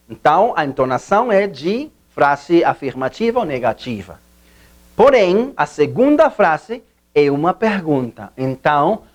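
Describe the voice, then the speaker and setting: A language teacher giving an online grammar lesson, patiently explaining and repeating points with rhetorical questions to viewers. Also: mid-range voice.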